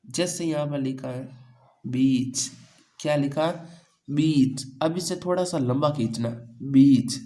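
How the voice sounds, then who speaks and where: A man's voice: a little high, measured pace, mellow, rough recording. Man teaching in Hindi. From India. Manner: repeats key points as questions to students. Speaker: English teacher. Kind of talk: classroom lesson.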